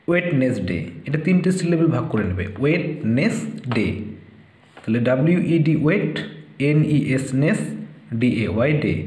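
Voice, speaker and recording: A man's voice: medium pitch, darkish tone. A man teaching English spelling to students, spelling words letter by letter and often checking whether they follow. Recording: echoey room.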